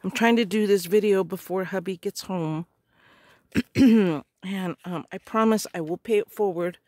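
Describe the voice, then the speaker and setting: Slow, gushing hoarse-voiced woman. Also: medium pitch, warm tone, no echo, clean studio sound. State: hoarse, clearing her throat. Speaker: craft vlogger. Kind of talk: casual unboxing chat.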